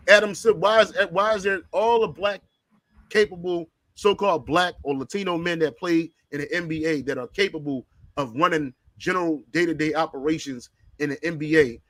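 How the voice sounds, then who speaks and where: A man's voice: on the high side, fairly bright tone, no room sound. Fervent man preaching in a dry voice. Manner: preachy, repeats words when starting phrases. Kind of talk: fervent religious discussion.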